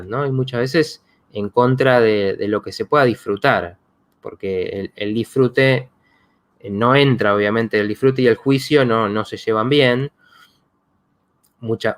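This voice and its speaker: A man, hosting a psychology live stream and talking in a reflective way with many fillers and restarts. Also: lowish voice. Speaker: psychologist host.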